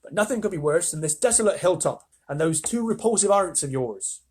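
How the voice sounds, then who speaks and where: A reader voicing a gentle, motherly female ladybird in a storybook reading, with a husky tone. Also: mid-range voice, animated, a little fast. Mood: kind. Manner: gentle, reassuring.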